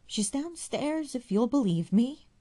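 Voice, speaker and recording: A woman's voice: a little high, big pitch swings, a little slow, darkish tone, slightly rough, pitched above the performer's own voice, exaggerated voice. A woman voicing a flustered old village widow who exclaims fretfully.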